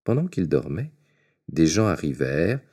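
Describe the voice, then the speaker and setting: Homme conteur à la voix très grave. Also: male voice, rumbling low, very animated, moderate pace, mellow. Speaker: storyteller. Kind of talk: fairy tale reading.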